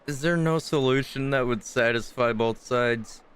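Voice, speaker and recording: A man's voice: medium pitch, a little slow, a bit bright, a little hiss or hum. A man giving casual playthrough commentary as a gaming streamer, with laid-back, joking asides.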